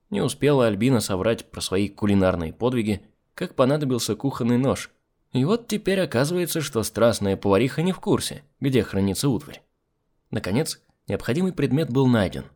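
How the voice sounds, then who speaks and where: Lively male audiobook narrator. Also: medium pitch. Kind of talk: first-person audiobook narration.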